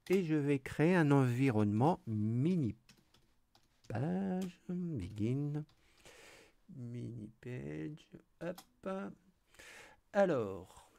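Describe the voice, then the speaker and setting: Man, tutorial host, slow delivery, gravelly, dark tone. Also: medium pitch. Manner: relaxed, hesitant, thinking aloud with many fillers. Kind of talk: screen-recorded coding tutorial.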